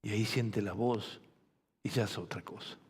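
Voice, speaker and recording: A man with a Rioplatense accent, a pastor preaching a sermon, moving from soft gentle speech to loud fervent preaching. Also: fairly low pitch, steady tone, normal speed, breathy edge. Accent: Rioplatense Spanish. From Argentina. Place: church hall. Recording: long hall reverb.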